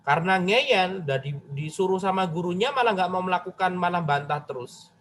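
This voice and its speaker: High-voiced man giving a chatty religious lesson. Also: lively intonation, a little fast, a bit bright, slight background noise. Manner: chatty, addresses listeners directly with rhetorical questions; retells a story, voicing its figures in quoted lines. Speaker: Islamic religious teacher. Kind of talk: conversational religious study lecture.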